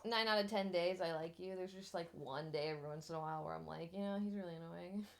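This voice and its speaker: A woman's voice: low voice, little pitch movement, fast, vocal fry. A young woman with a Wisconsin accent chatting casually on a livestream in a candid, giggly, teasing way. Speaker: livestream host.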